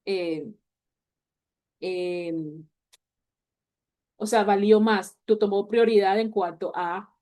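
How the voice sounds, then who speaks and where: A woman's voice: medium pitch, fairly even intonation, drawn-out words, pauses often, mellow. A woman teaching a class on English grammar, explaining step by step and mixing English words into her speech. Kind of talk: online class walkthrough.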